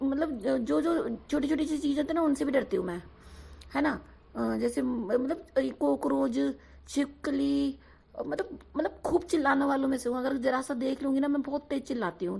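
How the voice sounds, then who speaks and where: A woman's voice: fairly high pitch, vocal fry, darkish tone. A young woman casually telling listeners about her own devotional experience, rambling with many fillers and often asking them to agree. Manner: often asks 'है ना' to listeners. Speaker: devotee sharing a personal experience. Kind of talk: casual spoken testimony to a devotional audience.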